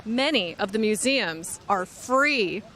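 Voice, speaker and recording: A woman playing a cheerful news reporter who interviews tourists outdoors, speaking clearly and slowly for an English lesson. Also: medium pitch, lively intonation, a bit bright. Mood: upbeat. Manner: clear, upbeat, slow teaching delivery. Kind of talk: scripted English lesson dialogue. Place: outdoors in a city. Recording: music bed under the voice.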